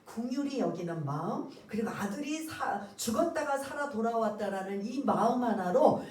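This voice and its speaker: Woman, pastor, sermon, fairly high, very animated pitch, questions the congregation, acts out quotes, echoey church, distant mic. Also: moderate pace. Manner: asks the congregation questions and waits for answers; acts out the characters' words in quotes. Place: church sanctuary. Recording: roomy church sound, voice heard from a distance.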